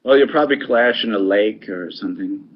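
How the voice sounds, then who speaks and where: A man from Wisconsin in a casual online voice chat, speaking in a dry, easygoing, low-key way. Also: brisk, dull audio.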